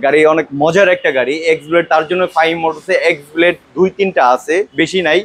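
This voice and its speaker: A Bangladeshi man giving an unscripted showroom sales pitch, with a used-vehicle dealer's boastful, repetitive patter. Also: steady tone, quick pace, fairly bright tone.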